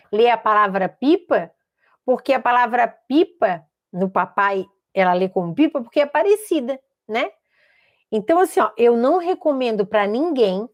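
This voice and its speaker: A woman teaching a lesson on literacy for children, emphatic, repeating words and slowly sounding out letters and syllables. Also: fairly high pitch. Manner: repeats words for emphasis, asks rhetorical questions. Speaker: special education teacher. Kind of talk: explanatory online lesson.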